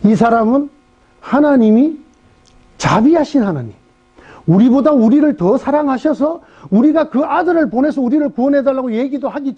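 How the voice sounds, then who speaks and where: A middle-aged male pastor preaching a sermon in an animated way, firing rhetorical questions at the congregation and acting out voices. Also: very high voice, breathy edge. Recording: dull, muffled sermon recording.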